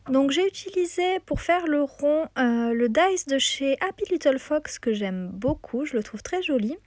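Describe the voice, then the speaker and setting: A woman with a high-pitched voice hosts a craft tutorial, recorded dry with no room sound. Her casual voice-over is chatty and enthusiastic, but she hesitates a lot and keeps dropping in "euh" fillers.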